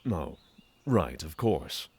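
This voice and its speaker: In a fantasy audio drama, a man voices a giant male dragon among mortals, courteous and candid, speaking calmly in formal phrases. His full character voice is extremely low, very animated, slow and a little mellow, recorded in studio quality with no echo but clear background hiss.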